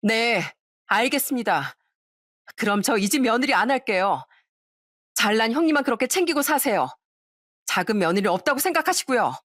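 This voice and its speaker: Casting: a sneering, arrogant young sister-in-law, voiced by a woman, pitched high and lively. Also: normal speed, no echo, clean studio sound. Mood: huffy. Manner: sneering, contemptuous.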